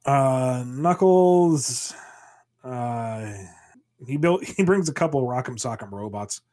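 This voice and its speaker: A man's voice: mid-range voice, animated, slow pace, darkish tone. Man riffing playfully in casual chat. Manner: playful, riffing comic scenarios.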